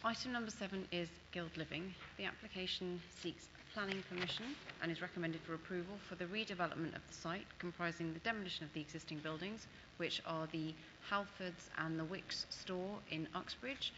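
A woman's voice: lowish voice, fairly even intonation, brisk, hardly any pauses. A woman giving a formal presentation as a planning officer. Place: large council chamber. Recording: muffled chamber audio with clear background noise.

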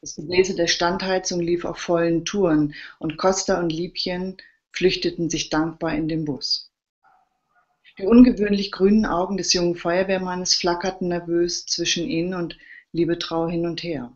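A woman's voice: on the low side, steady tone, normal speed, muffled recording. Woman reading a crime novel aloud. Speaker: author reading her novel.

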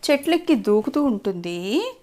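A woman's voice: on the high side, very animated, dark tone. A woman doing a tearful lost baby monkey. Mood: wailing, pleading. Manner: slow, drawn-out whimpering complaints.

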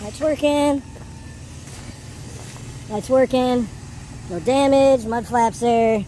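A man's voice: very high voice, takes it slowly, mellow, low-quality recording. A man in his forties, a truck driver vlogging casually, chatting to himself while he checks over his rig, first outdoors at a truck yard, then inside his cab. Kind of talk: casual vlog commentary. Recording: outdoor vehicle noise behind.

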